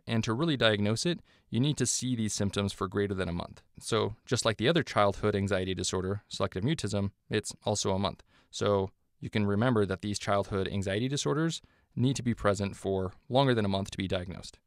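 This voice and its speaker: A man giving a scripted medical lecture, explaining clearly and offering memory hooks. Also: lowish voice, no room sound, clean studio sound.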